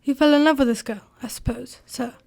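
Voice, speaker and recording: A woman playing a genial, polite doctor, a detective's gentlemanly companion, in an amateur radio drama. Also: sits high, a little fast, vocal fry. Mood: polite, tactful.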